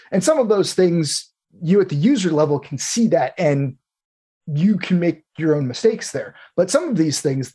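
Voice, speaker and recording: A male voice, fairly high for a man and noticeably husky. He explains technical material conversationally, like a host thinking aloud in an informal discussion. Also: dark tone.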